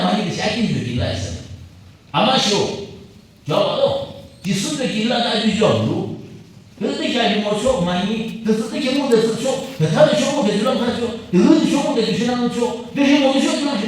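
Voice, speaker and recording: Male pastor, pulpit mic over church speakers, lively swooping delivery heard from a distance. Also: very high voice, very fast, a little hiss or hum. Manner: animated preaching, mixing English terms into the local language. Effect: preaching over a pulpit microphone through the church loudspeakers. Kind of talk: sermon. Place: church sanctuary. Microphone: pulpit microphone. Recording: very echoey church hall, voice from a distance.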